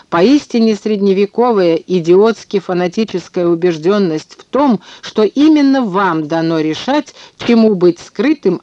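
A high-pitched, furious old scientist spits venomous sarcasm in this storybook reading, as a male narrator puts him on. The voice is dark-toned and dry, and the lo-fi audiobook recording sounds dull. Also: dry recording. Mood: scathing. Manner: ranting, venomous. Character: irate elderly male scientist, shrill and sarcastic.

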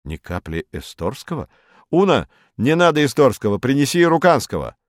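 A man voicing a composed, weary nobleman who speaks in a quiet, low, restrained way, in a storybook reading. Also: big pitch swings, moderate pace, dry recording, clean studio sound, natural voice. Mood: restrained friendly.

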